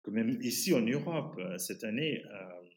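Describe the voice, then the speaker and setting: A man speaks French with a foreign, English-tinged accent, pleading his case in an interview. His pitch moves in lively sweeps, and he often stops to hunt for a word before pressing on with emphasis. The room around him rings with echo. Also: very noisy. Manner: halting, searching for words, emphatic. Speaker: podcast guest, activist. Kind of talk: impassioned interview talk. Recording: roomy, echoing sound.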